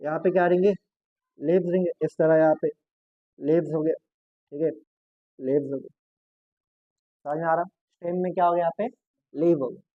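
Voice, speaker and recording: A man's voice: on the high side, fairly even intonation, normal speed, pauses often, no room sound, phone-quality sound. A man teaching a biology lesson for exam prep, asking questions and answering them himself, repeating key terms and mixing Hindi with English science words.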